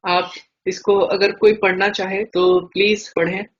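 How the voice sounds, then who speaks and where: A man's voice: high-pitched, flat delivery, a little slow, muffled recording. A man teaching a language class online, explaining patiently with frequent hesitation fillers.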